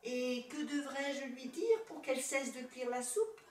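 A woman's voice: mid-range voice, very animated, normal speed, close to an everyday voice. Poor young girl, timid and eager, read by a woman, echoey distant mic. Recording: roomy echo, distant mic.

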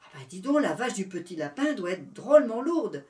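A woman's voice: mid-range voice, big pitch swings, normal speed, mellow, roomy sound, recorded from a distance, lightly acted. A woman voicing a mighty, proud female whale in a storybook reading, haughty and stiffly dignified. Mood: puzzled.

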